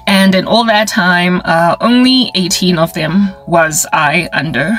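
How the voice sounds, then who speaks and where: A South African woman in her forties, a vlogger and ministry creator, talks to camera in a casual, wry monologue. Animated and playful, she throws in sound effects and phrases from local languages. Her voice is on the low side and measured, with faint music behind.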